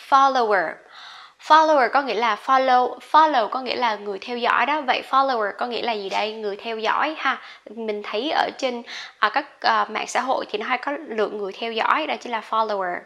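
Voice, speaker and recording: A woman whose first language is Vietnamese, teaching English pronunciation in a relaxed online lesson. Her voice sits a little high and sounds bright. She chats through the examples and calls out each practice word clearly. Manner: chatty, models English words loudly.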